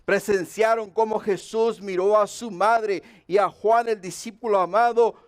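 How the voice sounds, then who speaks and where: A male pastor reading scripture aloud and preaching in a slow, solemn manner with dramatic pauses. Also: sits high, fairly even intonation. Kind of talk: Good Friday scripture reading and sermon.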